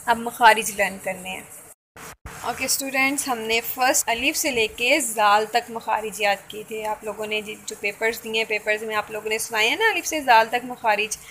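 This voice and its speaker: Woman teacher, bright voice, faint background hiss. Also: on the high side, rough recording. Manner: slow drawn-out recitation of letters; patient, repeats "theek hai" often. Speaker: Tajweed teacher. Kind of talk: online children's lesson.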